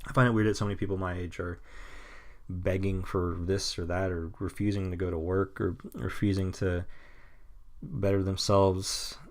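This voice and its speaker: A man in his mid-twenties with a very low, darkish voice records a rambling solo podcast monologue. He speaks flatly, restarting often and trailing off into nervous chuckles before making blunt, cynical remarks with casual swearing.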